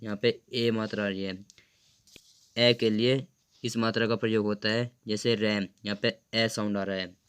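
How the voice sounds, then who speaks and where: A man teaching pronunciation, reading word lists slowly and carefully in a lesson. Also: fairly low pitch, smooth. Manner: slow, careful, reads out word lists one by one. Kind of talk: slow explanatory lesson.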